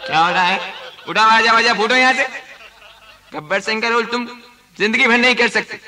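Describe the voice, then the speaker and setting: A comedian running an audition as a bossy director, scolding and calling people forward. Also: male voice, high-pitched, moderate pace, bright, forceful tone, reverberant, poor audio. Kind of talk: comic sketch.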